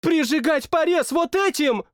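A man voicing a fierce, indignant young woman from another world who scolds in a sharp, rapid-fire way. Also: extremely high pitch, dry recording, clean studio sound, pitched above the performer's own voice.

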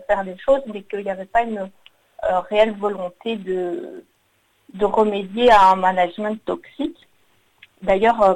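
Appearing as a radio interview guest, a work psychologist from Belgium in her thirties recounts her own experience, restarting often and filling gaps with "euh." Her medium-pitched voice sounds a little mellow. The recording is rough.

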